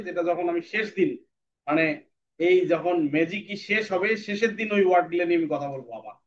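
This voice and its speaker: A man with a fairly high voice teaches a phonics lesson, sounding out each vowel slowly and asking the students whether they follow. The recording is dull and lo-fi, with a faint hiss of noise behind him. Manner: repeats sounds slowly and checks understanding. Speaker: English teacher.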